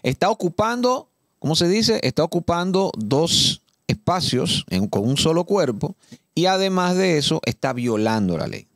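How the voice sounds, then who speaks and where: A man's voice: fairly high pitch, big pitch swings, gravelly, no echo. A man with a Dominican accent giving emphatic, indignant political commentary on a studio talk show. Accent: Dominican Spanish. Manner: indignant, emphatic, reads law text slowly and deliberately. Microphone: studio mic.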